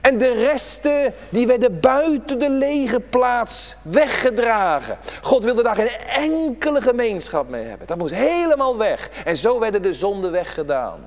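Male pastor, sermon delivery, lively sing-song swings from emphatic to hushed, long church reverb. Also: very high-pitched, a little slow. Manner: dramatic, swinging from raised emphasis to hushed near-whispers.

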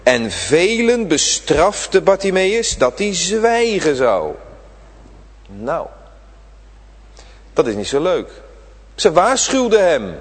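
A man's voice: high voice, very animated, takes it slowly, pauses often, breathy edge. A man preaching a children's sermon on prayer day in a church, emphatic and full of short, repeated phrases spoken straight to the children. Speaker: pastor. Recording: long church reverb.

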